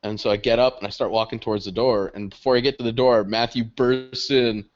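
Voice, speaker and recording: A young man, the podcast co-host, telling a story in casual chat, animated and swearing freely, laughing often. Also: medium pitch, brisk. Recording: dull lo-fi podcast audio.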